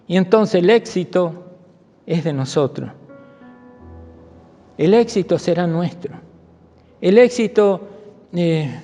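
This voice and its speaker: A man's voice: high-pitched, dark tone. A man preaching a sermon as pastor, telling stories and repeating key phrases for emphasis. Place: church sanctuary. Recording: dull recording with long church reverb.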